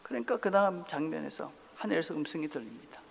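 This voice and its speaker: Pastor, male, high and gravelly; impassioned sermon that drops to near whispers; reverberant church hall. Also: animated, fast, a little hiss or hum. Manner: impassioned, swings from loud to hushed. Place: church sanctuary.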